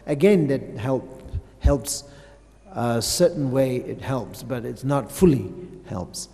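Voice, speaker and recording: Man, Buddhist teacher, halting dharma talk, mellow tone, big hall reverb. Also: medium pitch, vocal fry. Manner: halting, searching for words, many fillers and restarts.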